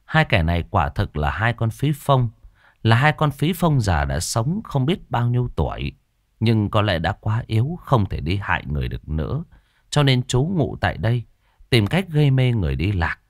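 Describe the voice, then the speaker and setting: A man's voice: lowish voice, sing-song, normal speed, no echo, clean studio sound. A man narrating a horror story in a dramatic, suspenseful storytelling voice.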